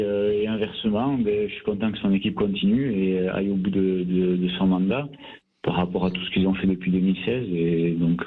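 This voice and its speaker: A man's voice: deep voice, a little hiss or hum. A man calling in as a rugby club president guest, speaking hesitantly with many fillers and restarts. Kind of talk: phone-in radio interview. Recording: tinny phone line.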